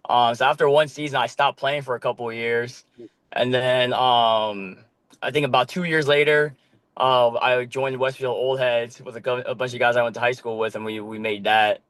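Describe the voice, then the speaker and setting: A young man born in Korea, a podcast guest talking casually about playing flag football, with a relaxed manner and plenty of ums. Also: medium pitch, moderate pace, dry recording. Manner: relaxed, loose, with many ums and casual swearing. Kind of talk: casual chat.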